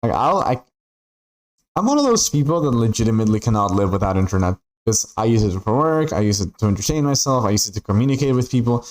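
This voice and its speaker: A man's voice: medium pitch, lively intonation, fast, low-quality recording. A young man from Peru chatting casually while streaming a game, rambling and packing his talk with "like" and "right?". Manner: rambling, chatty, filler-heavy with frequent "like" and "right?". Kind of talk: casual chat while gaming.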